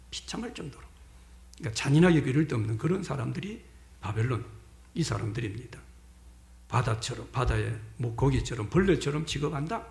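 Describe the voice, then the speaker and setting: A man's voice: medium pitch, vocal fry, a little mellow. A male pastor preaching a sermon in a church, often asking the congregation rhetorical questions. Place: church sanctuary. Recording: echoey church hall.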